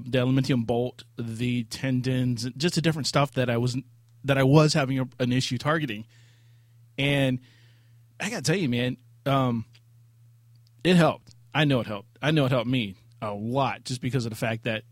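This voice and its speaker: A man's voice: mid-range voice, moderate pace, no room sound. Casual man co-hosting, dry close sound. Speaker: podcast co-host. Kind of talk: casual chat.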